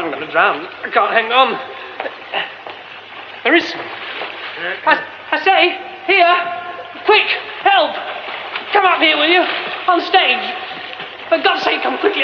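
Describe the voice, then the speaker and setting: Jumpy young theatre man. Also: high voice. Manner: mutters to himself, stammers when flustered. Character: young male theatre man, nervy, quick to panic. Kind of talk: radio drama acting. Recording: dull lo-fi radio recording with hiss.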